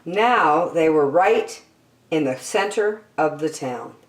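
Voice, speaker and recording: A woman leads story time, reading a children's picture book aloud to young listeners in a deliberate, expressive manner. Her voice is low-pitched, and the recording has slight background noise, an echoey room and a distant microphone.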